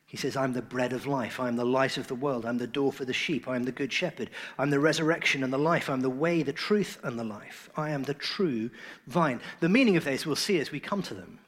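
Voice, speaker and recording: A man preaching a sermon in an earnest, emphatic way, his phrases often trailing off softly. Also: medium pitch, fairly quick.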